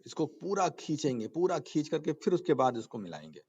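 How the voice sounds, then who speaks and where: A man's voice: fairly high pitch, very animated, a little mellow, husky, muffled recording. Man teaching Quran reading. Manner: explains patiently, repeats points and asks the class questions. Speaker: Quran recitation and tajweed teacher. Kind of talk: spoken lesson with slow chanted recitation examples.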